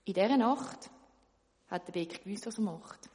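A woman tells a children's story lively, speaking straight to her young listeners. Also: medium pitch, normal speed. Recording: long reverb.

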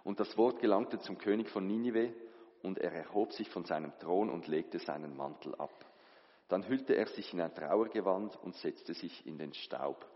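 Man, very deep voice, measured scripture reading, long hall reverb. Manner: measured, lifts voice for quoted speech. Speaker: scripture reader. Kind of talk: liturgical Bible reading. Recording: echoey hall, dull lo-fi sound.

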